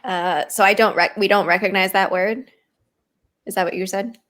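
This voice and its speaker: A woman's voice: medium pitch, fairly even intonation, moderate pace, a bit bright. A woman playing a tabletop game, chatting casually as she plays.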